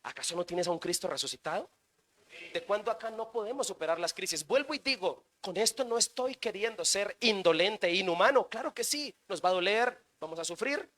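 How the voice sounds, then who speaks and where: A man preaching a sermon in church, firing rhetorical questions and swinging between loud bursts and quiet stretches. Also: high voice, animated, brisk. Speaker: pastor.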